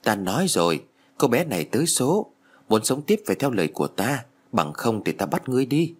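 A man's voice: mid-range voice, big pitch swings, fairly quick, slightly rough. Man voicing a cruel shadow demon. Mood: menacing. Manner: threatening, scornful.

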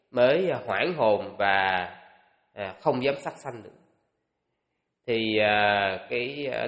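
A man, a Buddhist monk, giving a dharma talk and thinking aloud with many pauses and fillers. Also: medium pitch, fairly bright tone. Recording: echoey hall with long reverb.

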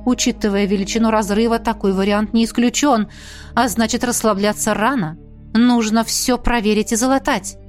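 A woman narrating a first-person fantasy audiobook in a steady, even reading voice. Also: a little high, normal speed, soft background music.

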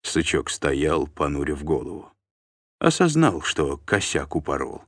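A man narrating an audiobook in an expressive storytelling manner. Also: low voice, unhurried, no room sound.

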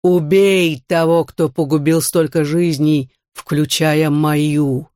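A reader voicing the ghost of a young man, grim and muffled, speaking slowly in a hollow, faraway-sounding voice. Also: medium pitch, flat delivery, darkish tone, dry recording, clean studio sound, close to an everyday voice. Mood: solemn. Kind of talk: audiobook narration.

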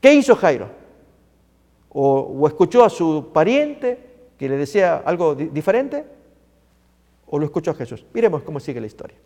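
A man's voice: on the high side, big pitch swings, normal speed, pauses often, mellow. A man preaching a sermon, emphatic and repetitive, addressing his listeners as friends. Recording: hall with long reverb.

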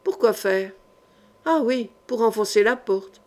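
A woman voicing a fearless male knight who speaks quietly and dryly, with unhurried calm. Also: on the high side. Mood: coolly calm.

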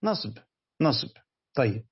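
A man's voice: mid-range voice, sing-song, unhurried, vocal fry, breathy edge, no room sound, dull audio. A man with an Egyptian Arabic accent teaching a Quran commentary lesson. He asks his students questions and then answers them himself. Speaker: religious teacher.

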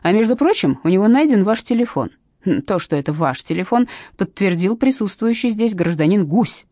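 A woman's voice: mid-range voice, animated, normal speed, warm tone, no room sound, studio quality, pitched above the performer's own voice, close to an everyday voice. A woman reading a curt, barking police captain. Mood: stern. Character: stern sarcastic female police captain, barking orders.

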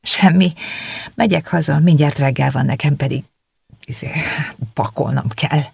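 A reader voicing an earnest, shy teenage girl in an audiobook, with a husky tone. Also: mid-range voice, darkish tone, no echo, clean studio sound, full character voice.

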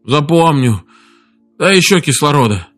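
A man's voice: a little high, lively intonation, a little slow, faint music behind. A man voicing a queasy groaning trainee.

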